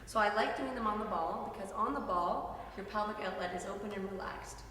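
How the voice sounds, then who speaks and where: Woman, exercise instructor, encouraging, mid-pitched, strong room echo, off-mic. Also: fairly quick, a bit bright. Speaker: prenatal fitness instructor. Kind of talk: spoken exercise instruction to a client. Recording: very echoey hall, distant mic, background noise.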